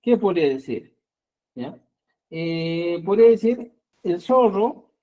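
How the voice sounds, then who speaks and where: A man's voice: high-pitched, lively intonation, slow, warm tone, low-quality recording. A man teaching an online language class, patiently explaining and often checking in with the students.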